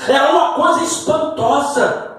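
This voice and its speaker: A man's voice: very high voice, moderate pace. Pentecostal preacher, male, Brazilian Portuguese accent, fervent delivery, recorded from afar with faint hall noise. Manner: impassioned preaching, rising to shouts. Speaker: pastor. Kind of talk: sermon. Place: church sanctuary. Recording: echoey church from far off with faint ambient noise.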